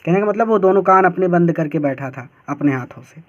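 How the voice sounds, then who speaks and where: A man teaching as a teacher, reading English phrases slowly one by one and then explaining each quickly in Hindi. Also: high-pitched, animated. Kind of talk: line-by-line textbook translation lesson. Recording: dull lo-fi recording.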